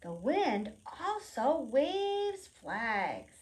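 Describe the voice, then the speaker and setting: A high-voiced woman reads aloud at a very slow pace during a preschool storytime. Her explanations are simple and expressive, and she asks the little ones questions along the way.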